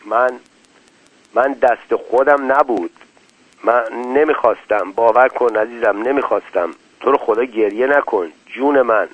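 A gruff, short-tempered husband, as a man acts him out talks brusquely in a storybook reading. His voice sits at a middling pitch, and the dull, dry recording takes the sparkle off it. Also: no echo, close to an everyday voice. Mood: remorseful.

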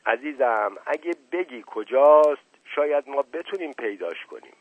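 A man's voice: mid-range voice, sing-song, slightly rough, no room sound. A man voicing a middle-aged nobleman who talks in a soothing, coaxing way. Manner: soothing, coaxing, sharp when crossed. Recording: tinny phone-like, dry.

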